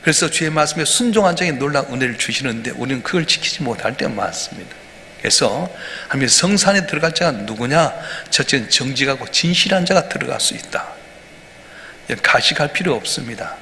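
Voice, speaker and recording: A male pastor preaches an emphatic dawn sermon in a bright, forceful voice. He keeps asking his listeners questions as he talks. The sound has a long church-hall reverb over faint room ambience. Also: fairly high pitch, a little hiss or hum. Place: church sanctuary.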